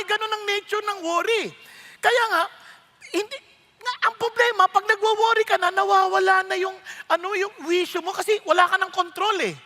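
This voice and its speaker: A man's voice: very high voice, long reverb tail. A male pastor preaching a sermon, telling stories with acted voices and asking his listeners questions. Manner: lively storytelling, acts out voices, asks the audience questions.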